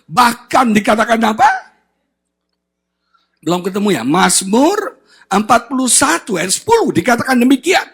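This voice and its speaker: A man preaching a sermon as pastor, dramatic, swinging from loud shouts to hushed low tones and acting out children's whining voices. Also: very animated, normal speed, long pauses, husky. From Indonesia. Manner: acts out children's crying voices in a high whine.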